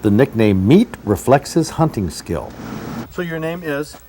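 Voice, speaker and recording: A man's voice: mid-range voice, sing-song, measured pace, dark tone. A man hosting casual interviews out in the field, folksy and enthusiastic in the way he talks. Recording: faint background noise, field recording.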